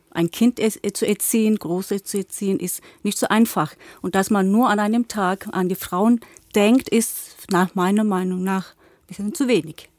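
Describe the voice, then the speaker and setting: A woman's voice: mid-range voice, darkish tone, no room sound. Earnest woman guest from Bulgaria, dry sound. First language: Turkish. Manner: earnest, fluent with some hesitations. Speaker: guest, teacher. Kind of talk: talk show interview.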